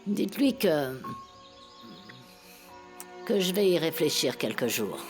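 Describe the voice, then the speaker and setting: A woman's voice: low-pitched, sing-song, slow, a little mellow, soft background music, full character voice. An actress dubbing a haughty young woman who owns land, cool and dismissive. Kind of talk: dubbed telenovela acting.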